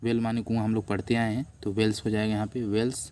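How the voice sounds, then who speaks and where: A middle-aged man teaches translation in a slow, dictating manner, spelling each word out letter by letter. His voice sits low and stays fairly level. He addresses his viewers as friends and patiently repeats each phrase so they can copy it. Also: level tone, a little mellow, clear, resonant tone. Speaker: English teacher. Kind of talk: classroom-style lesson, slow dictation. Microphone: camera on a notebook while writing.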